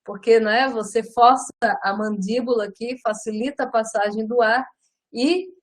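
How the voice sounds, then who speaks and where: A middle-aged woman gives a lively live lecture on public speaking. She often turns to her listeners and ends her phrases with tag questions. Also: fairly high pitch, moderate pace, poor audio. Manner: lively and animated, often addresses listeners as "gente".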